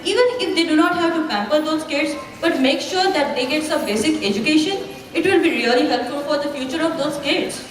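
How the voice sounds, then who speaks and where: A woman's voice: high voice, a little fast, close to an everyday voice. A woman acting a sympathetic, earnest commentator in a scripted stage skit. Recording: echoey hall from far off.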